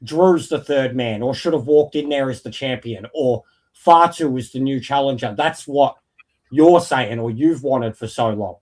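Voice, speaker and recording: A man with a medium-pitched voice chats casually about wrestling as a podcast panellist. He is emphatic and opinionated, rambling on and swearing freely as he makes his case. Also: unhurried, darkish tone.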